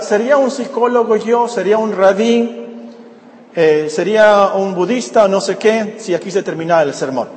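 A male pastor with a high voice delivers an emphatic sermon, hammering his key words by saying them again. His voice rings through a large, echoing hall with long reverb, over a faint room hum. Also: a little mellow. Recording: roomy echoey hall with faint ambience.

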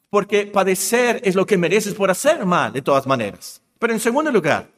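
A man preaching a sermon, stressing points by repeating words and reading scripture slowly and solemnly. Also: high voice, long reverb tail.

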